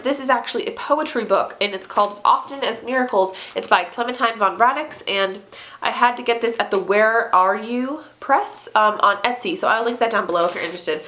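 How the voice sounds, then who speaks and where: A woman's voice: medium pitch, a bit bright. A young woman in a casual book haul video, gushing with enthusiasm and using lots of fillers. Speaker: book vlogger.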